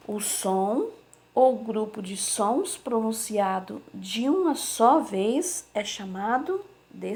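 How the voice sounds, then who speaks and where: A woman teacher giving a slow, patient remote lesson to young children, sounding out words syllable by syllable. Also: fairly high pitch, vocal fry, a little mellow. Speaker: primary school teacher.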